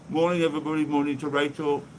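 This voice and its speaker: A fairly high-pitched man from England runs a casual, bubbly phone live stream outside, a church visible behind him. Holding the phone in front of himself, he reads out what viewers comment. There's a faint hiss or hum.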